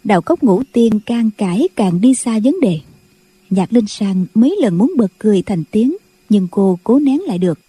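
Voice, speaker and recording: Female audiobook narrator, dark husky voice, steady delivery. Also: medium pitch, moderate pace, no echo. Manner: steady storytelling. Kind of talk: scripted novel narration.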